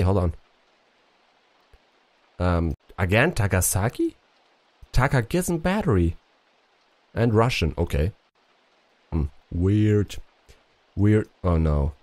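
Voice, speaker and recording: A man's voice: on the low side, a little mellow, no echo. A man streaming a puzzle game, muttering to himself and swearing casually as he plays. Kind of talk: casual live-stream commentary.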